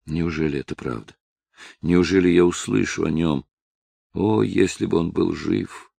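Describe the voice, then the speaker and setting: A man's voice: low-pitched, a little slow, vocal fry, darkish tone, dry recording, heavily acted. A man voicing a grieving, proud young woman in a novel reading, speaking with defiance. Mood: pleading. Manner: pleading then defiant.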